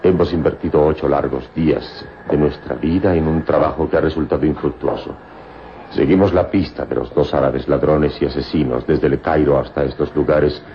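A man with an extremely deep voice portrays the noble hero of a radio adventure serial, calm and commanding. His delivery is formal, measured and poetic, and the old recording is muffled and noisy.

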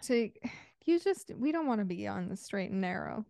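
A woman co-hosting a podcast in casual chat, playful and quick to laugh. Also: medium pitch, very animated, gravelly, warm tone, dry recording, studio quality. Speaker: podcast co-host.

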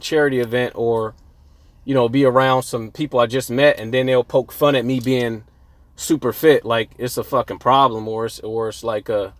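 A young man hosting a casual solo podcast, profane and boastful, rambling and breaking off mid-thought. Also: mid-range voice. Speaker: podcast host. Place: outdoors near a street.

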